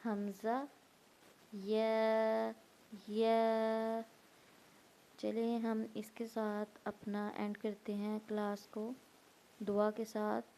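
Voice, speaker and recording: A woman teaching a Quran reading class, slowly sounding out letters one by one and explaining how to pronounce them. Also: mid-range voice. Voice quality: monotone, drawn-out teaching delivery. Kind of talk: slow tajweed lesson, drawn-out letter recitation.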